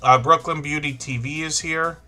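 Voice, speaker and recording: A middle-aged man hosts a live stream in a casual, rambling way, greeting viewers one by one. His voice is bright and forward. Soft music plays faintly behind him. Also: fairly high pitch, steady tone, normal speed. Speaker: livestream host.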